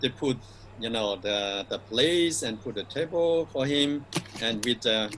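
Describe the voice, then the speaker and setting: A man's voice: mid-range voice, lively intonation, unhurried, background noise. Male monk, explaining. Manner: explanatory, leaning on "you know". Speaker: Buddhist monk. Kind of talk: casual Dhamma discussion.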